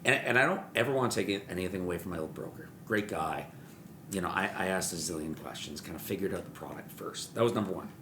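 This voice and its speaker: A man, a mortgage broker, telling stories in a podcast interview, animated and repeating words as he acts out what people said. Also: sits low, fast, noisy background. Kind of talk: storytelling interview chat. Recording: roomy echo.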